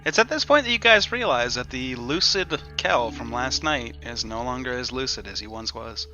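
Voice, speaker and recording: Guy game mastering a tabletop rpg, bright forceful voice, casual, faint music behind. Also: medium pitch, lively intonation, moderate pace, muffled recording. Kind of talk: narrating a tabletop role-playing game, casual.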